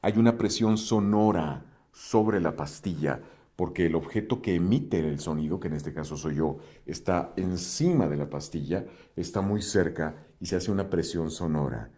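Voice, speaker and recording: A man teaching a voice-over lesson, explaining microphone technique into a close studio mic and demonstrating with his own voice. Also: normal speed. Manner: expressive teaching, swings pitch widely to demonstrate. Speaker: voice-over instructor.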